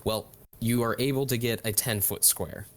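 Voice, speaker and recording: A man narrating a tabletop role-playing game as game master, talking casually and haltingly. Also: mid-range voice, steady tone.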